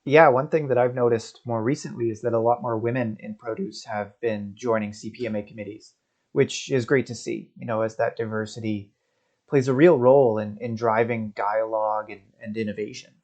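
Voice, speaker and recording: A man's voice: fairly low pitch, fairly even intonation, a little fast, darkish tone. A man hosting a podcast interview, asking questions in a friendly, informal way with frequent fillers and restarts. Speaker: podcast host.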